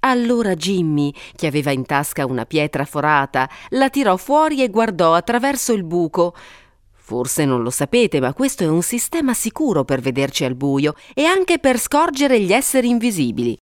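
Dramatic lower-voiced woman storyteller. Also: very animated, normal speed, dry recording, studio quality. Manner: dramatic, lingering on suspense. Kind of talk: expressive fairy-tale narration.

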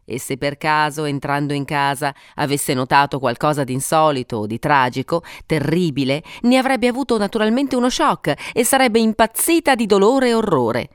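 A woman reading a story aloud for an audiobook, slightly low, with smooth, resonant tone. She narrates expressively with dramatic pauses, recorded close and dry. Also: animated, no echo. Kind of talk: scripted narration.

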